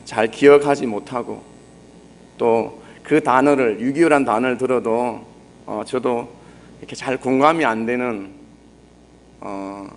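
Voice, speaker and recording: A young male pastor with a Busan Gyeongsang accent, preaching gently and conversationally, often putting questions to the congregation. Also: medium pitch. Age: young adult. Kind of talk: sermon.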